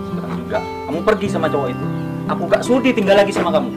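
A man's voice: high voice, sing-song, rapid-fire, over loud music. A man playing a betrayed husband who angrily accuses his wife and her lover. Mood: angry. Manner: angry, shouting accusations. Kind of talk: amateur village drama acting.

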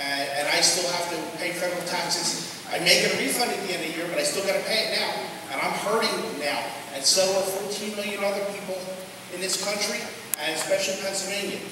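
An unemployed man from the audience indignantly questions a congressman at a town hall, halting and pleading. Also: high-pitched. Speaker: audience member asking a question. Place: large wooden hall, indoors. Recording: echoey hall, from far off, noisy.

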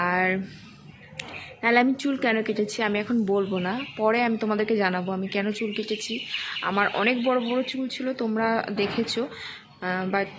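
Young woman with a croaky broken voice, chatty vlog into her phone, faint hiss behind. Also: mid-range voice. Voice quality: rough, cracking voice. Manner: halting, stumbling over words. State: hoarse, voice gone rough. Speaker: vlogger. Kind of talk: casual daily vlog talk.

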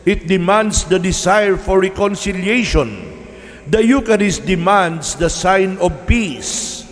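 Slow Filipino priest preaching in an echoing church. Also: male voice, high-pitched, lively intonation. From Philippines. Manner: slow, deliberate preaching with repeated key words. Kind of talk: sermon. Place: large church sanctuary. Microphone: stand mic at a lectern. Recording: church reverb from a live stream.

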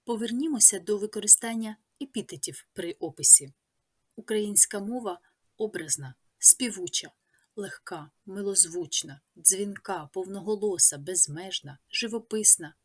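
Teacher lady, ukrainian accent, husky voice, slow steady lesson reading, lists words one by one. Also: medium pitch. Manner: measured, listing words one by one. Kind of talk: scripted lesson narration.

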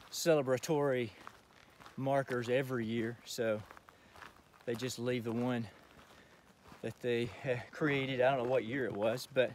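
Middle-aged man, cheerful trail vlog, phone at arm's length, woods, mid-range voice, faint outdoor hiss. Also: medium pitch. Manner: upbeat, chatty, self-encouraging. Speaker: thru-hiker vlogger. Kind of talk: casual selfie vlog. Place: outdoors on a wooded forest trail.

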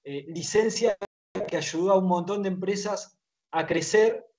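A man's voice: high voice, a little slow, darkish tone, slight background noise. Argentine man explaining over headset. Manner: explanatory, checking in with "¿se entiende?". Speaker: guest author. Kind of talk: casual video-call interview. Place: home room with toy shelves. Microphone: headset on a video call.

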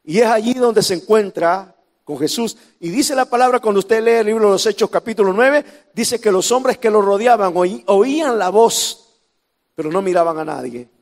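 High-voiced Salvadoran pastor preaching. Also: male voice, expressive, normal speed, big-room sound. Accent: Salvadoran Spanish. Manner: preaching with sudden shouts and drops to near whispers; humorous asides to the congregation. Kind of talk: sermon.

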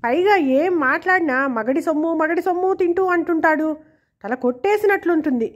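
A woman's voice: very high-pitched, normal speed, voice pushed up. A woman voicing an aggrieved old male servant. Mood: indignant. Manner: blunt and aggrieved, rustic speech.

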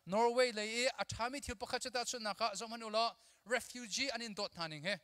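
High, bright-voiced man preaching on a big stage. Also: quick pace, no echo, studio quality, long reverb tail. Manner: animated, mixes English with his own language, drills the crowd with call-and-response. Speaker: youth conference speaker. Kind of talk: energetic sermon to a youth audience. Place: large church auditorium stage. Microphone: handheld mic.

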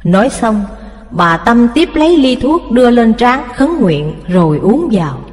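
Casting: woman narrator, lively melodic reading, long hall reverb. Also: fairly high pitch, unhurried. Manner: expressive storytelling, voices the characters. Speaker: storyteller. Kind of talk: scripted narration.

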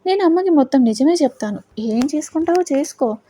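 A woman's voice: high voice, lively intonation, fairly quick, warm tone, voice pushed up. A woman voicing a young bride who confronts her husband, pleading and defiant. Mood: defiant, hurt.

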